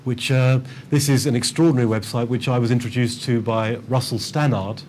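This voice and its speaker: A man's voice: medium pitch, fairly even intonation, brisk, darkish tone, a little hiss or hum. A man training teachers in a webinar presentation, enthusiastic and chatty, with frequent ums and repeated words. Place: online webinar.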